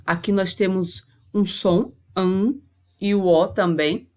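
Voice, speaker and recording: A woman teacher with a Brazilian Portuguese accent giving a recorded lesson to sixth graders, spelling out sounds slowly and carefully. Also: medium pitch, fairly even intonation, a little mellow.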